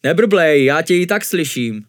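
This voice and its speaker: A cheeky ghost monk from a children's spooky tale, voice lifted and lively as he teases his companions, voiced by a man reading aloud. Close, dry sound with no room echo. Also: fairly high pitch, pitched above the performer's own voice, natural voice. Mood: teasing. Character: joking, bossy ghost monk, male.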